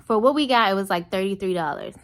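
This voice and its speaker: Animated American woman on a casual rant. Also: mid-range voice, fast talker. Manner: animated, emphatic, acts out dialogue. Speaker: vlogger addressing viewers.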